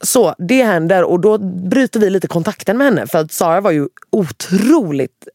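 A young woman telling a wild story in casual podcast chat. She is animated, swears a lot and often drops English phrases into her talk. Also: lowish voice, dry recording, studio quality.

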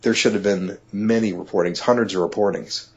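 A man with a low, husky voice tells a personal story in conversation. He stumbles, restarts and fills gaps with "you know", and his voice climbs when something amazes him. The audio is dull and lo-fi. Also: brisk. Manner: excitable, rising when amazed. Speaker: interview guest.

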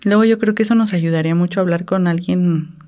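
Her voice is fairly low and mellow, and she talks fast. She's a woman in her 30s co-hosting a casual podcast, thinking things through aloud and asking herself questions.

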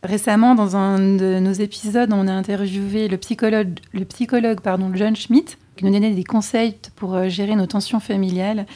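Mellow-voiced chatty woman. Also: mid-range voice, flat delivery, normal speed, hardly any pauses. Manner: chatty and candid, with frequent hesitations. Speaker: podcast co-host being interviewed. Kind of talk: casual interview answers.

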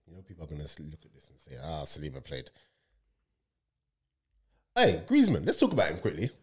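A man, co-hosting a casual football podcast, animated and talking over his co-host. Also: deep voice, racing.

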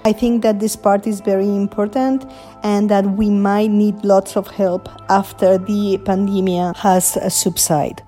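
A woman's voice: medium pitch, flat delivery, a little slow, warm tone, faint music behind. A woman from Spain with a Spanish accent, an intensive care doctor sending a tired, earnest recorded statement. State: tired after a long shift.

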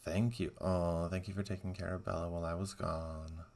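A man's voice: low-pitched, level tone, moderate pace, gravelly, darkish tone. A man reading lines as an earnest young male vampire suitor, stiffly polite and mock-earnest, in close to his own voice.

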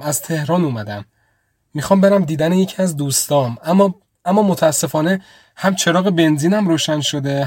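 A man's voice: fairly high pitch, a little mellow, no echo, studio quality. A man reading an audio story, voicing a young woman traveler who politely and hesitantly asks a stranger for help.

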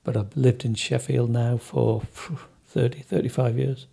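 Mellow man with softened Sunderland accent. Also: medium pitch, steady tone, unhurried, vocal fry, husky. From North East England, Sunderland area. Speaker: interview guest. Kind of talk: casual recollection in an interview.

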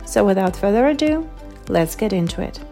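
A woman's voice: medium pitch, expressive, moderate pace, creaky, warm tone. A woman podcast host giving the scripted opening of her show in an upbeat, welcoming announcer manner. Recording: podcast intro with faint music bed.

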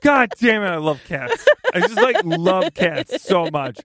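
A woman's voice: on the low side, big pitch swings, a little slow, fairly bright tone, no echo, clean studio sound. A woman hosting a home-repair advice podcast, chatting casually in a playful, joking, self-teasing way. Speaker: podcast host.

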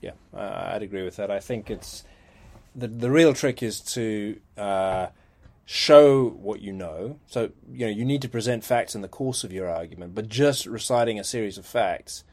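A man who teaches at a university, speaking in a measured way with fillers and repeated words in a casual chat about courses. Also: fairly low pitch, darkish tone. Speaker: university lecturer. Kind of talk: casual podcast discussion of course lectures.

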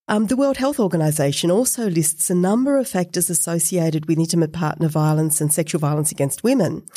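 A woman hosting an academic discussion podcast, speaking in a measured, thoughtful way. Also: fairly low pitch, mellow, no room sound, studio quality. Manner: measured, thoughtful, some fillers. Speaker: podcast host.

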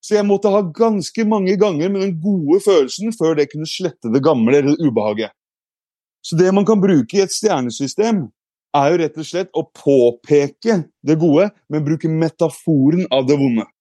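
A man's voice: a little high, animated, mellow, no echo, clean studio sound. A man giving a casual explanatory talk, reflective, with frequent hesitations and restarts. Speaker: speaker.

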